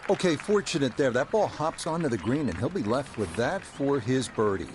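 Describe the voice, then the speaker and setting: A man's voice: mid-range voice, sing-song, normal speed, a little hiss or hum, lightly acted. A man playing a television golf commentator calling a tournament, in play-by-play style. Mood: composed. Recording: game music and crowd behind. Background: music and crowd.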